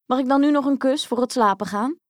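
A woman voicing a small, persistent talking frog who croaks now and then and pleads eagerly, in a storybook reading. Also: high voice, quick pace, no room sound, studio quality, voice pushed up, lightly acted. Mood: insistent.

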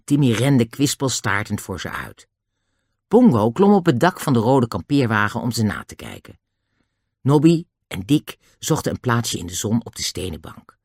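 Man, audiobook narrator, children's story, animated delivery, dry close sound. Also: medium pitch, normal speed, vocal fry, breathy edge, no echo. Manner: lively, expressive storytelling.

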